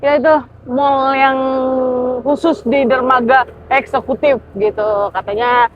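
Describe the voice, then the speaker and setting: A woman's voice: sits high, fairly even intonation, a little slow. Young woman, casual vlog, rambling, dull outdoor recording, faint noise. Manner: chatty, hesitant, trails off with fillers. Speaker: travel vlogger. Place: outdoors at a ferry port.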